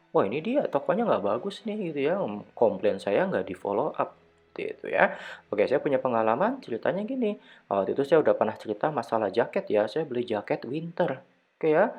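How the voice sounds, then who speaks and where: Dosen pria bergaya santai dengan banyak "eee". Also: male voice, mid-range voice, highs cut off. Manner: conversational, many fillers and rhetorical questions. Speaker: university lecturer. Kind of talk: online lecture.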